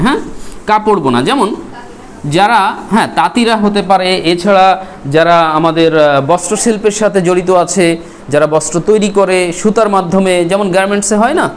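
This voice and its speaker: Classroom teacher, mid-pitched, drills and spells vocabulary, faint room hum. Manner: spells words out letter by letter and quizzes students.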